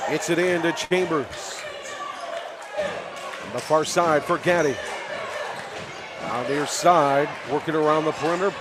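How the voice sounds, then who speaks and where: In a high school gym, over a roaring crowd and thumping basketballs, a slightly high-voiced man delivers a radio play-by-play. He speaks a bit slowly with long pauses, cheering on the home side and shouting at big moments.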